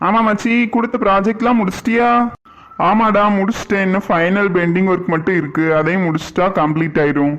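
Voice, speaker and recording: A man voicing a kind young husband in a cartoon family drama, calm and reassuring. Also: sits high, a little fast, muffled recording. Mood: friendly.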